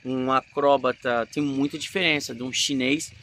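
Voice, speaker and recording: An animated Brazilian acting teacher talks through his lesson in a casual way and acts out feelings as he goes. His voice is gravelly and bright, with a Brazilian Portuguese accent. A faint noise sits behind him. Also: mid-range voice, normal speed. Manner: animated, demonstrates emotions mid-talk.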